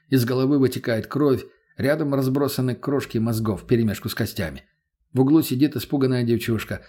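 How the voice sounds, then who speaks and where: Man, audiobook narrator, first person, blunt, crude, mid-pitched. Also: dark tone. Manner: blunt, crude, matter-of-fact. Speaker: audiobook reader.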